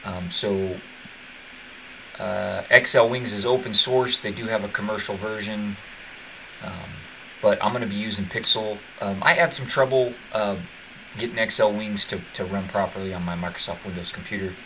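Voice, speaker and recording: Man with a low voice, halting talk. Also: slight background noise, poor audio. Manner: halting, many fillers and restarts, relaxed. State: burping from tea. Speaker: software tutorial host. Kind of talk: casual screen-share tutorial.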